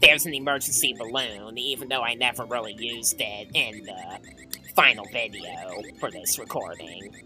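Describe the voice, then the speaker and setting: A video game commentator gives casual gameplay commentary at a moderate pace in a medium-pitched voice, explaining things and adding personal opinions. Video game music plays behind the voice.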